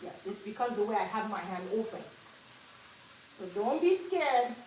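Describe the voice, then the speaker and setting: At a salon wash sink, a woman teaches hair care through a live hands-on demo, her medium-pitched voice moving at normal speed. Chatty and coaching by nature, she turns loud and upbeat in moments of excitement. Faint noise, a distant mic, and heavy room echo mark the recording.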